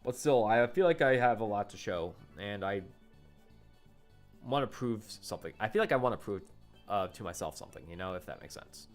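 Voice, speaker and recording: With soft music in the background, a YouTuber in his late twenties speaks in a lowish voice that is animated and fairly quick. He chats casually into a condenser studio mic for his vlog, rambling, correcting himself and filling his speech with fillers.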